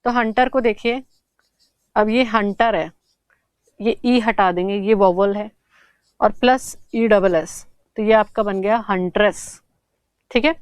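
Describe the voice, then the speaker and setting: A woman's voice: medium pitch, fairly even intonation, measured pace, long pauses, smooth, no echo. A woman teaching an English grammar lesson for exam prep, explaining step by step and answering her own questions.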